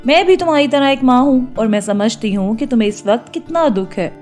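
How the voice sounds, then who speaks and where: A kindly mother fish from a cartoon tale speaks in a slow, gentle, reassuring way, as a woman voices her. Her mellow, motherly voice soothes the dove. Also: a little high, expressive, soft background music, close to an everyday voice. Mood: caring.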